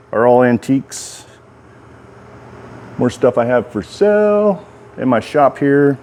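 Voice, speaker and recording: This writer and bladesmith, a middle-aged American, shows visitors around his workshop in a casual, meandering tour. He talks folksy and informal out of the side of his mouth, his voice lowish and a little mellow.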